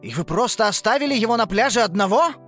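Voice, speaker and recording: A woman's voice: very deep voice, sing-song, brisk, soft background music, pitched below the performer's own voice. A woman voicing a stern adult male lifeguard who scolds in a children's storybook.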